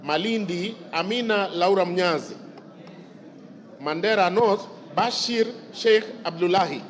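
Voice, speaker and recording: High-voiced man calling a formal roll. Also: measured pace. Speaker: parliamentary clerk. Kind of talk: formal roll call of names. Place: large parliamentary chamber. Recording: reverberant hall, murmuring crowd. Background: crowd.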